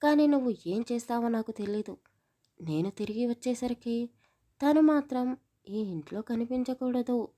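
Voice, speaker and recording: A woman's voice: on the high side, expressive, moderate pace, dark tone, natural voice. A woman voicing a stern, angry young village man who scolds harshly in a storybook.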